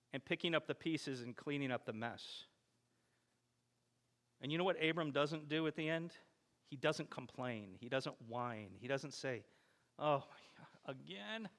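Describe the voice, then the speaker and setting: A male pastor preaching a conversational sermon in a church sanctuary, telling stories and acting out quoted speech. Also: a little high. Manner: animated storytelling, acts out quoted speech. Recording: echoey church hall.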